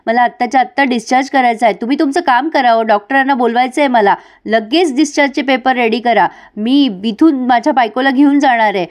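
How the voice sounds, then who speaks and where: A woman's voice: on the high side, brisk, few pauses, natural voice. Frantic young husband, read by a woman. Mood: frantic, angry. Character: frantic young husband shouting at hospital staff.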